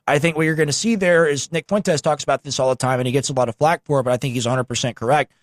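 A man's voice: mid-range voice, steady tone, rapid-fire, no room sound, studio quality. A man hosting a call-in show, giving emphatic, informal, opinionated political commentary.

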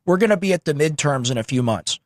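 A man with a slightly high voice hosts a political call-in show. He talks informally and emphatically, pushing his opinions, in a dry, close recording. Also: animated, fast, no echo. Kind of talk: political talk show commentary.

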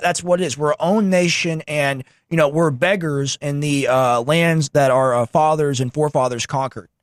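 Man hosting political talk, closely recorded, higher-pitched. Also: no room sound, clean studio sound. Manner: emphatic, informal, opinionated. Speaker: call-in show host. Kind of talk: political talk show commentary.

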